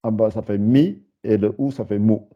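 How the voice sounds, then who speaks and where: A man teaching a beginner class, patiently spelling out syllables one by one, often pausing with hesitations. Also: lowish voice, dull audio. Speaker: Arabic teacher. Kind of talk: live beginner lesson with students.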